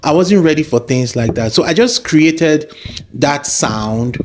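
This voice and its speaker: A man's voice: on the high side, expressive, a little slow, background noise. A man with a Nigerian accent tells his story as an interview guest. He talks casually and animatedly, and sometimes acts out the people he quotes.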